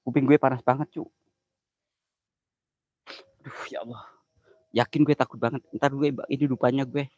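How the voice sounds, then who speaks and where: A live-streaming content creator chats casually, thanking viewers by name, joking that he's scared, and crooning and drawling his words as someone easily spooked. His voice is medium-pitched with fairly even intonation, normal speed, and long pauses. The tone is darkish with no echo, and the highs are cut off.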